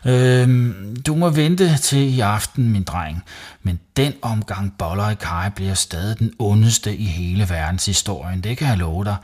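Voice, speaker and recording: Cheerful storybook dad, a little husky, promising big things as the narrator voices him. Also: male voice, on the low side, a little mellow, lightly acted. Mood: jovial. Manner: jovial, boastful. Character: sleepy, good-humoured dad, boastful.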